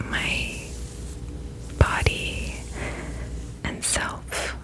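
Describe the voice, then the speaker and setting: Slow whispered pep talk from a woman. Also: poor audio. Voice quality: whispering, breathy unvoiced voice. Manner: gentle, reassuring, slow and reflective. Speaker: ASMR host.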